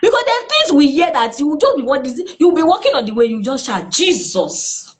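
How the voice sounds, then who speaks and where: A Nigerian woman speaking as a therapist in an interview, earnest and lively, with exclamations in her stories. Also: high-pitched, fast talker, noisy background. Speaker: therapist guest. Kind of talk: interview conversation.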